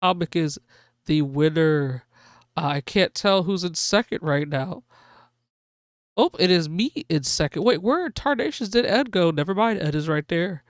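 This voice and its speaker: A woman hosting a live gaming stream, excitedly calling a race like a sportscaster for her viewers. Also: lowish voice, moderate pace, no room sound, clean studio sound. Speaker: livestream host.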